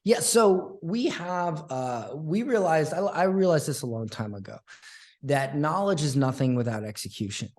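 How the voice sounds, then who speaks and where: A man's voice: fairly high pitch, lively intonation, moderate pace, darkish tone. A man speaking as a podcast guest and sales coach in casual interview talk, earnest and repeating his points for emphasis.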